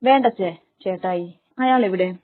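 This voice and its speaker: A woman's voice: medium pitch, a little slow, close to an everyday voice. A woman reading a romance story aloud, voicing a young bride who angrily demands answers. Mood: upset. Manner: forceful, demanding. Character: angry young bride confronting her family. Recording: dry, tinny phone-like sound.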